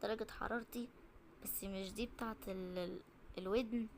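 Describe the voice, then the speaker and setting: A woman with an Egyptian accent voicing a sick little boy in a game role-play, talking softly and meekly. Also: mid-range voice, steady tone, normal speed, gravelly, slight background noise, close to an everyday voice.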